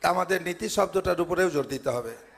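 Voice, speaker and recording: High, gravelly-voiced man preaching in a hall. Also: brisk. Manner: earnest, builds points through repeated parallel phrases. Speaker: monk giving a speech at a devotee gathering. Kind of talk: devotional sermon. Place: large ashram assembly hall. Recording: long hall reverb.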